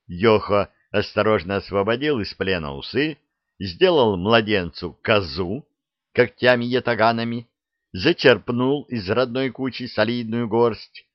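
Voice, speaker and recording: A man reading a fairy-tale audiobook in an expressive storytelling manner, in a dull, dry recording. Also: lowish voice, dry recording. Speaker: audiobook narrator.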